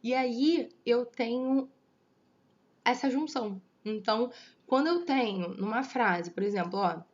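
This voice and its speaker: A woman's voice: on the high side, unhurried, highs cut off. A Brazilian woman teaching a literature lesson online, explaining step by step, counting syllables aloud and checking in with students. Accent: Brazilian Portuguese. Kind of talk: online class lecture.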